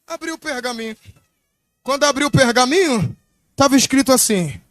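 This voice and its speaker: Brief: emphatic male preacher, repetitive and dramatic, high voice. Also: lively intonation, normal speed, fairly bright tone, dry recording. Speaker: pastor. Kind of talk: sermon.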